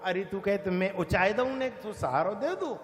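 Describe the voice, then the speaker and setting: A man playing a mischievous divine cowherd boy, coaxing slowly in speech. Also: high-pitched, animated, in a large hall.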